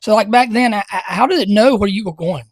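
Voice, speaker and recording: A man's voice: sits high, fast talker, no room sound, clean studio sound. A man co-hosting a casual podcast, ranting with lots of swearing and laughter. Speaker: podcast co-host. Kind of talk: casual chat.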